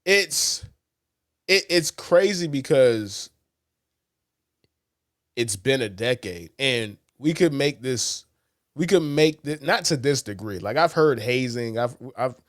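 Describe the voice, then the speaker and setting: A man's voice: medium pitch, animated, takes it slowly, long pauses, fairly bright tone, dry recording, clean studio sound. A man co-hosting a sports podcast in casual talk, blunt and profane, telling stories animatedly and quoting others. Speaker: podcast co-host.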